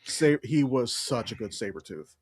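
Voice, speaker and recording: This man co-hosts a podcast about films, chatting casually and handing out blunt, profanity-laced, emphatic opinions. His mid-range voice is slightly rough, with lively intonation and a moderate pace. The recording is dry.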